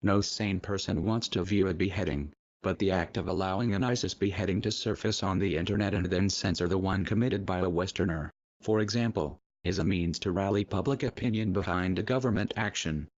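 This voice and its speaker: A disguised, artificially deepened male voice, very low and heavy. He reads a scripted message in a solemn, measured, declamatory way. The audio is dull and lo-fi, with a dry, close sound and no room around it. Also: dry recording. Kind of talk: scripted narration of a protest message.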